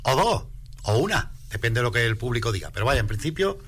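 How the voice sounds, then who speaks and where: This time the Spanish rumba singer sounds sing-song and mid-range, talking fast in a bit bright, slightly rough voice. He's from Spain and has the accent, chatting casually on radio with emphasis and repeated phrases.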